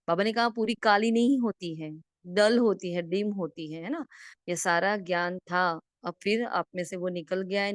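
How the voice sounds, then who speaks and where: A woman's voice: fairly low pitch, no echo, clean studio sound. A woman leading a devotional scripture revision class, explaining step by step and often checking with listeners, "isn't it?". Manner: gives homework and direct instructions to listeners. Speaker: spiritual teacher.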